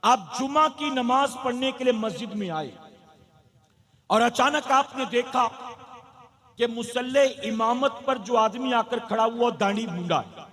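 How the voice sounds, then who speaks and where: High-pitched impassioned male preacher, echoing hall. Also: unhurried, fairly bright tone. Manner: impassioned, fires rhetorical questions at the crowd. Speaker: preacher at a religious gathering. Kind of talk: sermon. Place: large public gathering. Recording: long hall reverb from PA.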